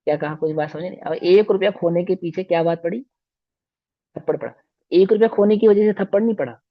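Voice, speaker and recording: Animated man teaching children through stories. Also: high voice, fairly quick, muffled recording. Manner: animated, asks the class rhetorical questions. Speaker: religious teacher. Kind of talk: storytelling lesson to children.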